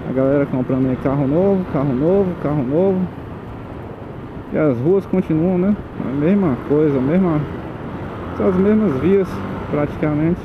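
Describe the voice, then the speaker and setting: A slightly high-voiced man talks while riding through city streets at night, grumbling and cursing at the traffic. His voice carries the gritty, muffled sound of an old microphone tucked in his helmet. Loud road and engine noise runs under everything he says. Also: moderate pace. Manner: grumbling, swears about traffic. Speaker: motorcycle vlogger. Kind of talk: casual running commentary while riding. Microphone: old mic hidden in helmet.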